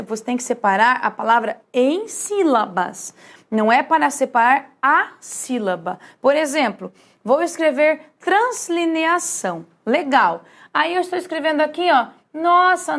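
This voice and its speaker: High-voiced woman teaching writing. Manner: lively, checks in with frequent "tá?". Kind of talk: classroom lesson at a whiteboard.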